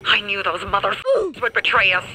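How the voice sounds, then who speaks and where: A woman's voice: mid-range voice, big pitch swings, brisk, bright, forceful tone, low-quality recording. An actress playing an angry, distraught mother in a video game. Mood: furious.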